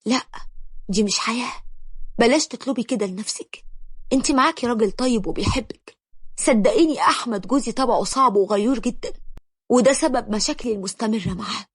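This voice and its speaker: A woman's voice: on the high side, fast, breathy edge, no echo, clean studio sound. A woman voicing a young married sister-in-law who speaks frankly and sadly, with an Egyptian accent. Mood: earnest. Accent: Egyptian Arabic.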